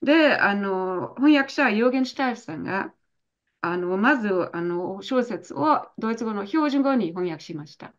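A woman interprets in an online conversation, halting often with filler words as she searches for phrasing. Her voice sits at a middling pitch. The video-call audio comes through dull and slightly muffled. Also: lively intonation. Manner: hesitant, many fillers. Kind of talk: consecutive interpreting in an online talk.

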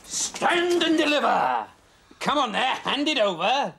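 A highwayman, as played by a performer swaggers and teases in a children's TV comedy. His delivery is slow and unhurried, but his pitch is lively. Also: creaky, a little hiss or hum, exaggerated voice. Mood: swaggering. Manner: swaggering, teasing. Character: bluff Northern male highwayman, cheeky.

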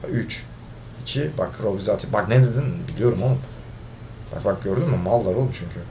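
This man's voice sits on the low side, expressive and brisk, with a little hiss or hum behind it. A gaming video creator, he commentates his own play, gets annoyed, curses his teammates, and yells whenever he loses.

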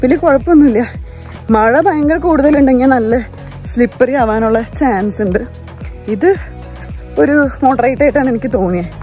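A young woman talks to her viewers on a handheld phone as she hikes a forest trail. Her voice sits fairly high and has a mellow tone, and she mixes English phrases into her casual chat. Background music runs under her voice. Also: moderate pace, pauses often, low-quality recording. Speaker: travel vlogger. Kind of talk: casual travel vlog narration. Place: outdoors on a forest trail by a waterfall.

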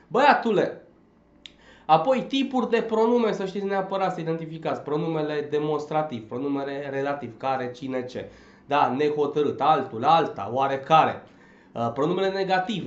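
A man gives an emphatic exam-prep lesson in a fairly high voice, pressing each point and checking in with short questions. The recording sounds roomy and a little dull. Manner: emphatic, drills points with frequent "da?". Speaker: Romanian language teacher. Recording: echoey, slightly dull recording.

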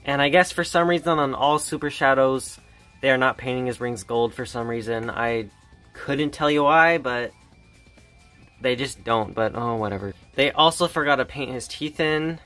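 A teenage boy reviews toys in a casual vlog, chatting offhandedly while his hands handle them on a table. His voice is mid-range, bright, and forceful at a moderate pace, with faint music playing behind him.

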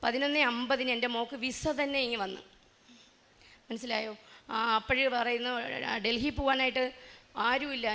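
A woman in her fifties from Kerala tells her faith testimony with earnest gratitude. Her voice is bright and a little high. It carries a long hall reverb. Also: vocal fry. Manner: earnest, grateful, storytelling. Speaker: testimony speaker. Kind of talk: emotional testimony.

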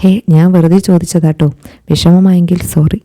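A woman voicing a caring young man who speaks gently and reassuringly. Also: lowish voice, little pitch movement, moderate pace, close to an everyday voice. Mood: gentle.

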